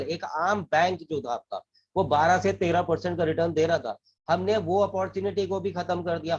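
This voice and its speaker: Here a financial advisor with a high, husky voice talks to the camera about saving and investing. His manner is earnest; he keeps restarting and repeating phrases and slips English terms into Hindi. The recording sounds dull and lo-fi.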